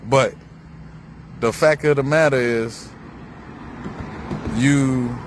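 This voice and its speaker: Very slowly and in a steady, mid-range voice, a man records a vlog beside a busy road as traffic faintly passes. His profane monologue drifts around spiritual ideas, rambling and repeating itself.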